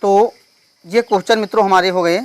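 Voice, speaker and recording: A male teacher solving an exam paper step by step. He reads each question slowly and keeps checking in with the class. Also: sits high, steady tone. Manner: explains step by step, reads questions slowly, repeats "theek hai". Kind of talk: exam paper walkthrough lesson.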